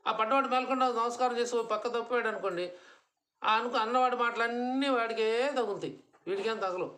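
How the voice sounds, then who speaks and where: Quick, bright-voiced man giving a sermon. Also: extremely high pitch. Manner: rhetorical questions, mixes English words. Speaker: satsang speaker. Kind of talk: devotional discourse. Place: devotee's home.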